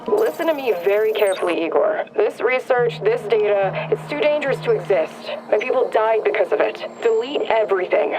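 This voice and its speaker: A woman's voice: a little high, expressive, a little fast, few pauses, close to an everyday voice, low-quality recording. An actress playing a grave, resolute, bereaved woman in a video game, with music behind her. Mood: urgent, grave. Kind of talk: video game dialogue acting.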